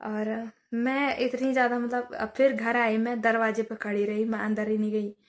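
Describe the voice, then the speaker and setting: A woman's voice: on the high side, flat delivery, normal speed. A young woman vlogger telling a childhood story in a chatty, casual way, often adding little asides. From Uttarakhand hills. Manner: chatty, many fillers and "है ना" asides.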